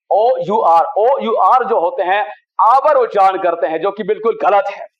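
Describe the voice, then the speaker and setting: A man teaching a spoken English class, explaining grammar slowly and spelling words out letter by letter. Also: high-pitched. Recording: dull lo-fi sound.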